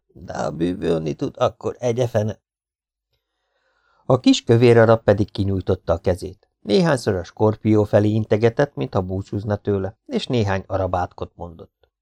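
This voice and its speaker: Low-voiced male audiobook narrator. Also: lively intonation, mellow, no echo. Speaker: audiobook reader.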